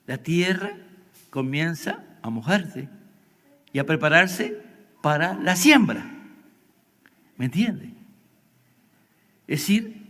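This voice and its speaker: A male pastor preaching a sermon to a youth service, often checking in with the congregation through rhetorical questions. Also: fairly high pitch. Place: church hall. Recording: livestream in a reverberant church hall.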